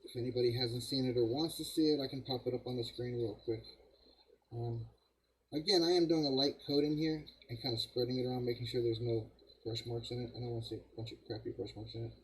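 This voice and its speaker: A man's voice: medium pitch, fairly even intonation, quick pace, husky, poor audio. An older man hosting a live model-building stream, rambling casually to viewers and chuckling at himself. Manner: rambling, self-deprecating, chuckles often, talks to viewers as guys.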